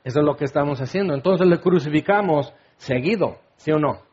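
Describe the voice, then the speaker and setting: Preacher, high voice, chatty sermon style with acted-out quotes, muffled lo-fi sound. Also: male voice, fairly quick. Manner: expressive, conversational, acts out quotes. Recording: dull lo-fi recording.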